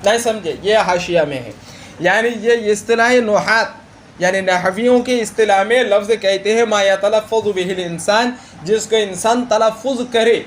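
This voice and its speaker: A man teaching a religious grammar lesson. He talks slowly, repeats the key terms and keeps asking his students questions. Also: high-pitched, slight background noise. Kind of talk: classroom lesson on Arabic grammar.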